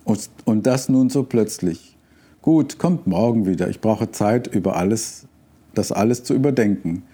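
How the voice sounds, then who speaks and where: A man voicing a frightened little old male wizard who is a fraud, speaking in a trembling, pleading, hushed way in a storybook reading. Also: on the low side, lively intonation, moderate pace, breathy edge.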